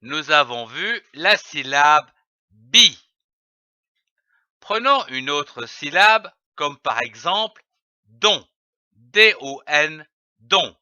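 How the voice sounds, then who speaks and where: A man narrating a reading lesson, spelling out letters and syllables one by one with long, careful pauses. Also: fairly high pitch, pushed and bright, clean tone, dry recording. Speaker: reading teacher. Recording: dull, lo-fi dry voice-over.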